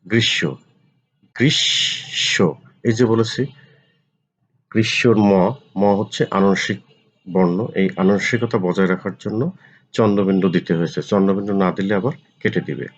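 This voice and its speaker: A man, a lecturer giving a pronunciation lesson, repeating each word slowly, sometimes syllable by syllable. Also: deep voice, steady tone, darkish tone, husky. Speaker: Bengali lecturer. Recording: dull lo-fi recording.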